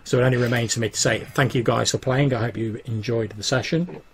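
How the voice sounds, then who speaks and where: A man acting as game master, narrating a tabletop game in a halting, improvised way. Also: mid-range voice, fairly even intonation, vocal fry, crowd noise.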